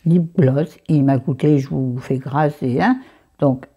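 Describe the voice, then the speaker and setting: A woman's voice: a bass voice, takes it slowly, dark tone, slightly rough, dull audio. A French-accented woman chatting through a makeup haul, dropping into whispered asides and scolding herself by name. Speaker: beauty vlogger.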